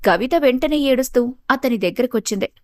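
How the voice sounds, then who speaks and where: A woman storyteller reading a scripted family story in a steady, even way. Her voice sits fairly high, and the recording is close and bone-dry. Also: brisk, dry recording.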